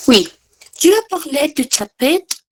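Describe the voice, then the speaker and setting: A woman slowly reading out French grammar rules and example sentences in a deliberate, drawn-out manner. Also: high-pitched, big pitch swings.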